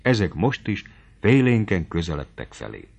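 Low-voiced man reading a story. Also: vocal fry. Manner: expressive, dramatic storytelling. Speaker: narrator. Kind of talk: audiobook reading of a classic novel. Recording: muffled lo-fi recording.

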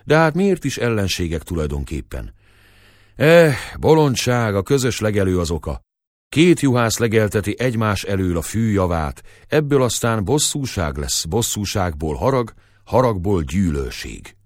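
A man narrating a classic tale in an expressive storytelling manner. His voice is low and moves widely in pitch. The recording is dry and close, with no room sound. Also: dry recording.

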